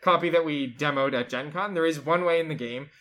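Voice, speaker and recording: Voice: mid-range voice, a little fast, fairly bright tone. Enthusiastic host explaining game rules. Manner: enthusiastic, chatty, lots of fillers like "like". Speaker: board game show co-host.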